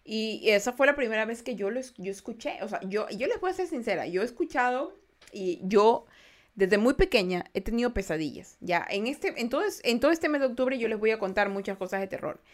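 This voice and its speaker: A young woman hosts a podcast and tells ghost stories in a casual, animated way. Her voice sits a little high, and she shouts out the quoted lines, then drops into quiet, reflective stretches. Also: fairly quick. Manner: animated, acts out quotes with loud bursts; frequent restarts, turns quiet and reflective. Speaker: podcast host. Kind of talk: casual storytelling.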